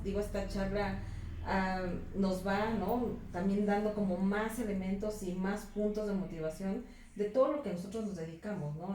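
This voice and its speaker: A woman interviewer, speaking in a reflective, conversational way and often ending her phrases with tag questions. Her voice is mellow and warm. The recording carries a roomy echo. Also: medium pitch. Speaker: interviewer, teacher educator.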